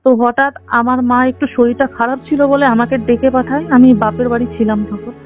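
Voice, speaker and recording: A woman of about twenty speaks quickly in a fairly high voice with fairly even intonation, earnestly relating her own story in detail. It's a dull, band-limited phone call, with faint music in the background.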